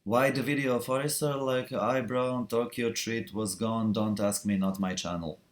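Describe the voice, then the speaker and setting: A man's voice: mid-range voice, steady tone, normal speed. A young man, chatting casually on a live stream and answering viewer questions, rambling with lots of fillers, restarts and laughs. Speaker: cosplayer hosting a live stream Q&A.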